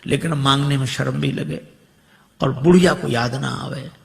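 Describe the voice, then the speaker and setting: A man telling a devotional story sermon, animated and acting out the characters' dialogue in shifting voices. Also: mid-range voice, normal speed, vocal fry. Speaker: religious storyteller. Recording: long hall reverb.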